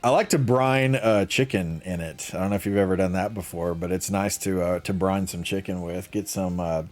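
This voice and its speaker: A man's voice: sits low, moderate pace, soft background music. A young man hosting a casual podcast, rambling with lots of fillers, laughing often and reading out chat comments. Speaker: podcast host.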